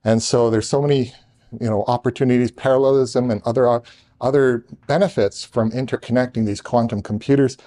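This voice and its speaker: Male presenter, mid-pitched and mellow, live tech talk in a conference room, hurried with repeated restarts, jokes with the room. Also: steady tone. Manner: rushed, talking fast with restarts; jokey asides to the room. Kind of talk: technical presentation to a live audience.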